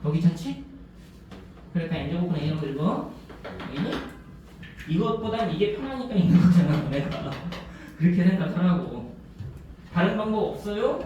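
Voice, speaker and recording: A male teacher lectures a class, constantly firing short check questions at his students. His voice sits high for a man. He is caught from a distance in a strongly echoing classroom. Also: lively intonation, a little slow, long pauses, dark tone, dull audio, slight background noise. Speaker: math teacher.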